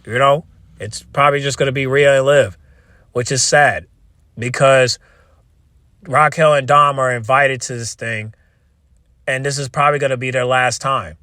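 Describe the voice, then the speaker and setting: Exasperated man ranting in a bright, forceful voice. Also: medium pitch, steady tone, no echo, studio quality. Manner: exasperated, repetitive, halting restarts; swears freely. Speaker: wrestling commentary video creator. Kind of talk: casual opinionated rant to viewers.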